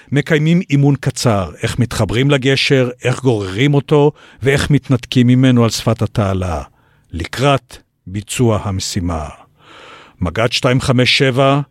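A man narrating a documentary in a measured, scripted delivery. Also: mid-range voice, no echo, clean studio sound.

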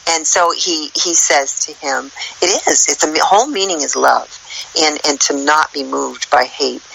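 Guest woman with a deep, gravelly voice and a sharp, bright tone; earnest and rambling. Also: steady tone, normal speed, a little hiss or hum, rough recording. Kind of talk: casual spiritual chat.

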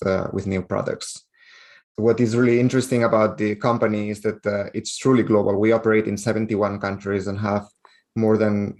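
A Spanish man with a Spanish accent appears as a guest in a podcast interview, hesitating with frequent fillers and restarts. His voice is on the low side with a darkish tone.

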